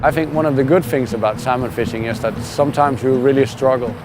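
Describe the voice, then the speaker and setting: A middle-aged man from Denmark, a fishing guide, talking candidly and relaxed in a documentary interview with frequent "uh"s and restarts. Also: mid-range voice, fast talker. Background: music.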